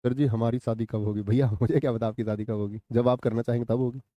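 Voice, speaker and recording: Male online tutor, mellow tone, quizzes students and answers them himself. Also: medium pitch, fairly even intonation, quick pace, no echo. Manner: quizzes students, answers his own questions; reads and answers live chat comments. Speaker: teacher. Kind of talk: live online Hindi grammar class.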